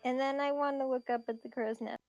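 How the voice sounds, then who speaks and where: A woman's voice: high voice, steady tone, fast, darkish tone, muffled recording, faint music behind. A woman chatting casually as a player in a tabletop game. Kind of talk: casual chat.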